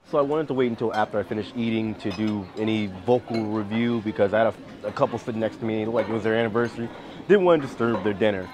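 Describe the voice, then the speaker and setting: Male cruise vlogger in his thirties, candid and casual, phone-at-arm's-length sound. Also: mid-range voice. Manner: chatty, candid, addresses viewers directly. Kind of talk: casual vlog narration. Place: cruise ship corridors and venues, indoors. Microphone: phone camera held at arm's length.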